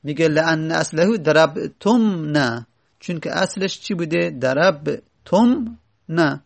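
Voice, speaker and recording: A man teaching a grammar lesson, methodical and patient, repeating example words slowly to drill them. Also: a little high, gravelly. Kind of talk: Arabic grammar lesson explanation.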